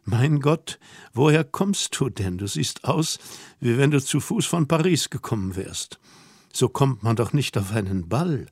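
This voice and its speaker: A man reading an audiobook voices a young woman who teases and orders her companion about, asking brisk, mocking questions. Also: medium pitch, lively intonation, husky, no room sound, clean studio sound. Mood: surprised. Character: young woman, teasing, bossy and self-assured. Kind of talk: audiobook dialogue.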